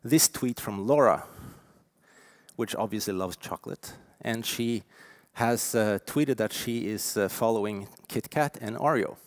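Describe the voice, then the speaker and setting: A man in his forties from Norway with a Norwegian accent, giving a lively, emphatic conference keynote with frequent fillers. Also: fairly low pitch, a little slow, no echo, studio quality. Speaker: keynote speaker. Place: conference stage.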